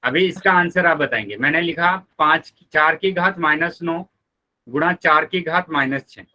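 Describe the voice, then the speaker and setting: A male math teacher leading a live online class, patiently explaining steps and repeating them, addressing students warmly as children. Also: a little high, moderate pace.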